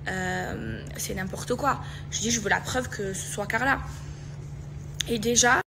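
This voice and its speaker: A woman's voice: fairly high pitch, a little slow, gravelly. A young woman giving an emotional personal account, telling it in a breathless rush with many fillers and repeated words. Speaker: reality TV personality. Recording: noisy background.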